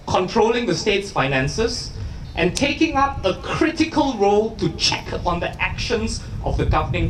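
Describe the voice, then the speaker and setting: A man giving an urgent activist speech at a political rally, emphatic and deliberate, pausing for effect. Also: sits high, echoey room, far from the mic, a little hiss or hum, low-quality recording. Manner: emphatic, deliberate public oratory with pauses for effect and rhetorical questions. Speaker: rally speaker, lawyer campaigning for a candidate.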